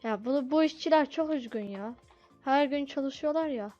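A woman's voice: sits high, moderate pace, warm tone. A woman commenting casually on a restaurant game she is playing, flustered and begging her customers to be patient. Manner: flustered, pleads with impatient customers. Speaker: gameplay video host. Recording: dull lo-fi audio with game music.

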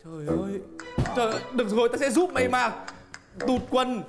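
A man's voice: very high voice, expressive, fairly quick, creaky, heavily acted. An actor playing a fussy young man who wails and stammers over his friends. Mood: mock grief. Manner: over-dramatic wailing and stammering. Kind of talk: sitcom acting. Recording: music playing behind.

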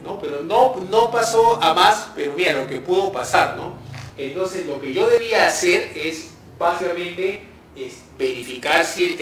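Middle-aged man, paramedic instructor, casual lecture with acted-out dialogue, slightly high voice, echoey room heard from a distance. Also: fairly bright tone. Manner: conversational, tag questions, acts out dialogue. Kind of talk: informal classroom lecture. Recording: echoey room, voice from afar, faint hum.

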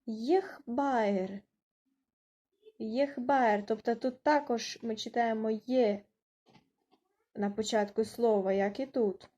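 A woman's voice: a little high, steady tone, a little slow, warm tone, muffled recording. A woman teaching an online language lesson, patiently spelling out words letter by letter.

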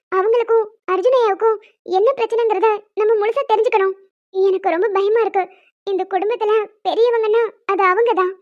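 Maha, a woman voicing a very high-pitched anxious bride-to-be. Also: darkish tone, dull audio. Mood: worried. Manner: fretful, sulky, mock-quarrelsome. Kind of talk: animated cartoon dialogue.

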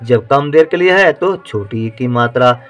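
Slow, deliberate man teaching writing. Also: medium pitch, animated, fairly bright tone. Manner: slow and deliberate, sounding out each syllable and repeating words. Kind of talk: slow dictation-style writing lesson.

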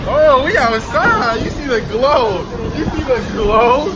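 High-pitched excited young man on a roller coaster. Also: slow pace. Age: 20s. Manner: slangy, exclamatory. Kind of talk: casual vlog chat. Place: outdoor theme park water coaster. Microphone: phone at arm's length. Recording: handheld recording with loud music and crowd noise.

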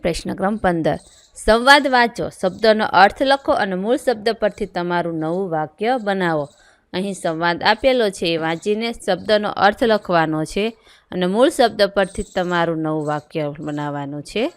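A woman's voice: mid-range voice, moderate pace, no room sound. A woman teacher reading a worksheet aloud, going through items and answers one by one. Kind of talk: worksheet lesson read aloud.

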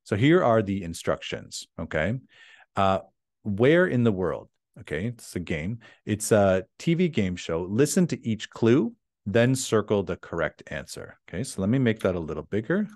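A man's voice: lowish voice, very animated, moderate pace, a little mellow, no room sound, studio quality. A man teaching an online English lesson, chatty and encouraging, reading example sentences aloud one by one. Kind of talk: online class lecture.

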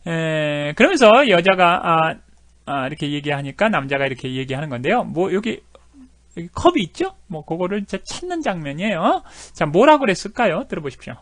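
A man's voice: fairly high pitch, big pitch swings, brisk, fairly bright tone, dry recording. A middle-aged man teaching English phrases in a chatty way, with many fillers and repeated phrases. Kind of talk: explaining lesson with video clips.

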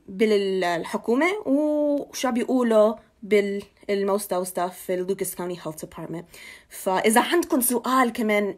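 Young woman, American-accented Levantine Arabic, mid-pitched voice, hesitant delivery, English words mixed in, informal news update, phone at arm's length indoors. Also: darkish tone. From Ohio, United States. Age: young adult. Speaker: local TV channel presenter. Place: small indoor room.

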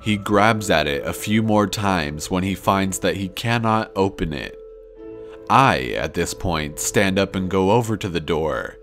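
A man narrating true scary stories in a slow, measured storytelling manner. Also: low voice, expressive, a bit bright. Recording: faint music under the voice.

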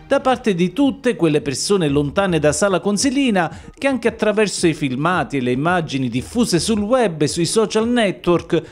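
A man's voice: high voice, big pitch swings, moderate pace, few pauses. A man reading scripted narration as a news reporter.

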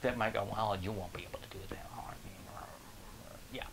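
Gravelly-voiced man giving a pep talk. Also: lowish voice, normal speed, noisy background. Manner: animated, joking, talks straight to the viewer. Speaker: motivational speaker and host. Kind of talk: motivational talk to camera. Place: small indoor room with a screen behind. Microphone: lapel mic.

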